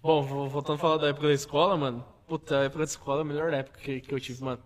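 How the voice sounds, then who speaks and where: A man's voice: on the high side, steady tone, rapid-fire, big-room sound. A young man from Brazil in a casual chat, slangy and enthusiastic. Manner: slangy, calls everyone "mano", enthusiastic. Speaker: YouTuber.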